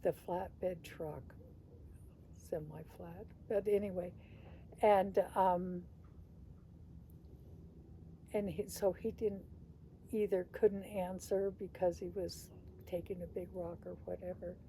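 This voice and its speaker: A sweet old lady shares memories in a casual, rambling and folksy way. Her voice is very soft-edged and dark, and she takes her time as she talks. There is slight noise behind her in what sounds like a simple home recording. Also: on the low side, steady tone, takes it slowly, poor audio. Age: older. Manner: chuckles often while talking. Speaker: grandmother telling family stories. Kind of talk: casual reminiscence.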